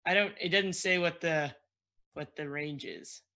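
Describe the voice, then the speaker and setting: Male player, high pitch, piercingly bright, casual tabletop chat. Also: unhurried. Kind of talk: casual game chat, describing character actions.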